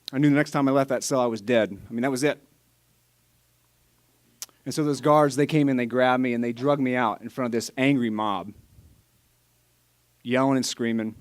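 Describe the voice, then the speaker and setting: A man's voice: medium pitch, natural voice. A young man playing a freed criminal, telling it in a casual, incredulous, rambling way. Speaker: student actor.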